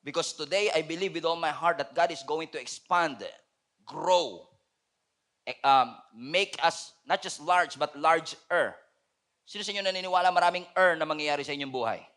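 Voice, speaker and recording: A male pastor with a Filipino accent preaching in a sermon, shifting between loud shouting and quiet joking asides. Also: on the high side, moderate pace.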